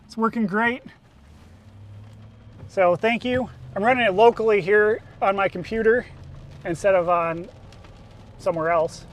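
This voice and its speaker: Man, American accent, high-pitched, casual live storm-chase commentary, thinking aloud, recorded in a car. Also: unhurried, long pauses. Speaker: storm chaser live-streaming while driving. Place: inside a moving car.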